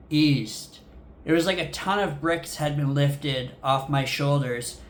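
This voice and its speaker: Rambling, swearing man telling a story. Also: fairly high pitch. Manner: rambling, full of fillers and swearing. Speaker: vlogger. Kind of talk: casual storytelling to camera.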